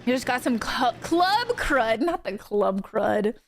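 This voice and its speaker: A woman's voice: a little high, big pitch swings, slow pace, a little hiss or hum. A young woman streaming a ghost-hunting game, chatting casually and greeting viewers by name. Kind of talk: casual livestream chat while gaming.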